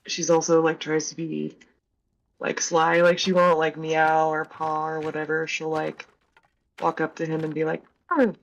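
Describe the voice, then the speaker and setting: A woman's voice: low voice, vocal fry, highs cut off. A young woman hosting a casual stream chat, rambling with lots of fillers and frequent laughs.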